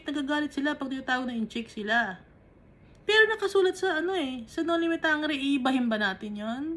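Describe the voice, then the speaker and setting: A woman's voice: on the high side, a bit bright. A woman with a Filipino accent teaching a Bible study, switching between Tagalog and English and asking rhetorical questions.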